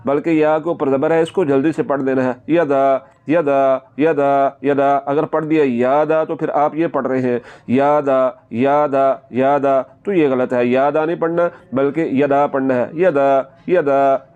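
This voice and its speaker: A patient male recitation teacher, his voice a little higher than most men's and smooth and clear. He repeats each word over and over in slow, drawn-out drills. The audio is dull and lo-fi. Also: darkish tone. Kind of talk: step-by-step recitation lesson.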